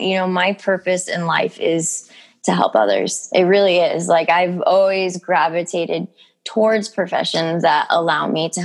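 A woman's voice: fairly low pitch, gravelly. A young adult woman speaking as an interview guest in a casual, personal, informal way, with plenty of conversational filler. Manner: informal, peppers speech with "you know" and "like". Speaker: podcast guest telling her health story.

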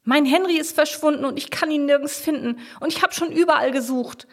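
A woman's voice: fairly high pitch, expressive, fairly quick, voice pushed up. Flustered, fretful older lady, voiced by a woman. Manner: breathless, fretful.

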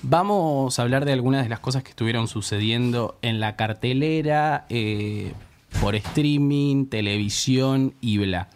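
Male host, playful and teasing, drawn-out casual chat. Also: medium pitch, slight background noise. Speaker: radio host. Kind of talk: casual chat show banter.

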